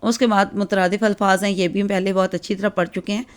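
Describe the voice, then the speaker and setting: A woman with a Pakistani Urdu accent teaching an exam-focused grammar lesson, explaining patiently with frequent check-ins and filler pauses. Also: mid-range voice, steady tone.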